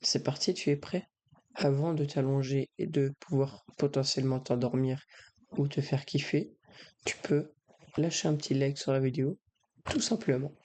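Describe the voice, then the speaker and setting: A man with a breathy voice, speaking softly in an ASMR style as he advises the listener. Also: mid-range voice, steady tone, moderate pace. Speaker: ASMR video creator. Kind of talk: soft-spoken ASMR, advising the listener directly.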